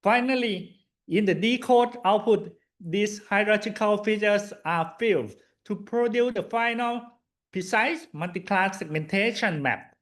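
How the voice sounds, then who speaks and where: A man giving a scripted academic slide presentation as a PhD student, in halting, hesitant short phrases. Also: high voice, a bit bright.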